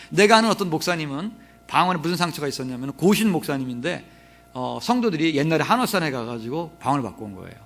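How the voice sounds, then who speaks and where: A man's voice: on the high side, fairly bright tone. A man preaching a sermon as pastor, joking and asking the congregation questions, sometimes slipping into regional dialect. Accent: Korean dialects mixed, Jeolla touches. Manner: humorous, asks the congregation questions and has them repeat. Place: church sanctuary.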